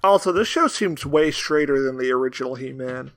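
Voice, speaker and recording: A man co-hosting a casual podcast chat, dry and deadpan with his jokes. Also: medium pitch, fairly quick, no echo. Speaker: podcast co-host.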